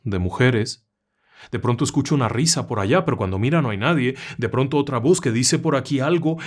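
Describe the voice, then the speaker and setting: A man with a mid-range voice narrates a ghost story. He tells it casually yet dramatically and breaks off now and then for asides to the listener. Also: medium pitch.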